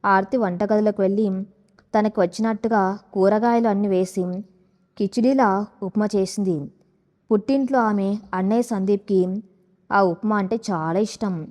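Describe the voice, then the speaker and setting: A woman reading a scripted audio story in a steady, emotive manner. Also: mid-range voice, moderate pace, pauses often.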